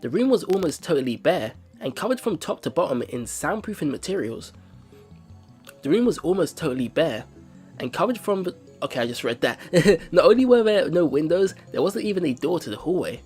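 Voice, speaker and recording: A man with a slightly high, sing-song voice and a darkish tone hosts a let's play, reading visual novel narration aloud at a brisk clip. He tosses in casual, exclaiming reactions as he goes, with game music playing behind him.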